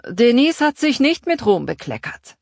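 A woman's voice: on the high side, big pitch swings, normal speed, creaky, no room sound, clean studio sound, pitched above the performer's own voice, heavily acted. A woman reading a tense, doubtful mother. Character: troubled middle-aged mother, hotel owner. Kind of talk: audiobook character voice.

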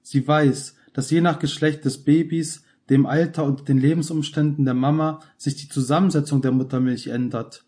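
A man narrating a short story in a calm, measured reading. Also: fairly high pitch. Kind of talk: scripted audiobook narration.

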